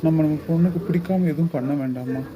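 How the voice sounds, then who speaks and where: A middle-aged man playing a worried father who tries to calm everyone. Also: fairly high pitch, fast, muffled recording, crowd noise, close to an everyday voice. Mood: coaxing. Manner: anxious, placating. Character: worried, gentle father of the bride.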